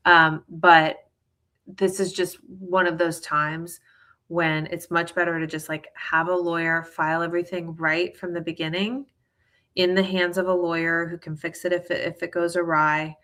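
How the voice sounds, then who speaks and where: Woman, immigration attorney, lowish pitch, bright sound, chatty and reassuring answers. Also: level tone, moderate pace. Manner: casual, explanatory, frequent fillers. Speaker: immigration lawyer. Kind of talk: live viewer Q&A.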